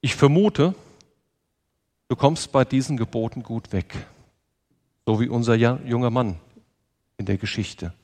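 German preacher guy, slow and earnest, big echoey church sound. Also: medium pitch, darkish tone. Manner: slow, earnest, addresses listener directly with questions. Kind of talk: sermon. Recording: long reverb of a large hall.

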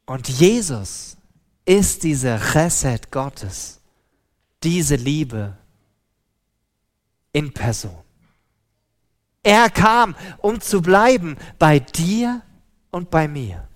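A man preaching a sermon, slow and deliberate with emphatic pauses. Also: a little high, big pitch swings.

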